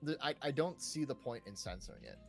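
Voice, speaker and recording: A creaky-voiced man of medium pitch talks fast with wildly swooping intonation while co-hosting a gaming podcast. The chat is loose and rambling, sprinkled with "like", "right" and "you know", over background music.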